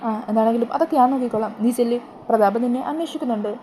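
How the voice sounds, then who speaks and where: A woman's voice: fairly high pitch, racing, dark tone, a little hiss or hum, close to an everyday voice. A woman doing a bossy, scheming matron. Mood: curt. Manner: curt, mocking.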